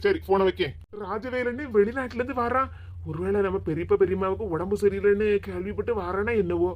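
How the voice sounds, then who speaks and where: A performer voicing a good-natured young male office worker in an animated cartoon, speaking with a Kanyakumari Tamil accent in a teasing, pleading manner. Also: medium pitch, highs cut off, lightly acted.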